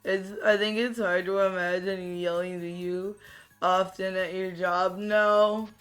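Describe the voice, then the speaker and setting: Soft music plays behind a streamer who chats loosely during a game. His raspy, monotone voice sounds worn out and low-energy, and he rambles at a measured pace, often beginning his sentences again.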